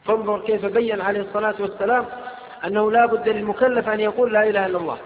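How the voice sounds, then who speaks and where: A man's voice: high-pitched, steady tone, racing. Fervent male preacher on lo-fi hall tape. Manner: fervent, rising to emphatic peaks when retelling dialogue. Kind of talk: recorded Islamic lecture. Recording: lo-fi phone-like lecture tape in a reverberant hall.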